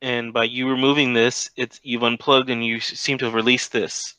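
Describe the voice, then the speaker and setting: Bright-voiced man running a tabletop game. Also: medium pitch, little pitch movement, normal speed, smooth, no echo, poor audio. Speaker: game master. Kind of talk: casual tabletop game narration.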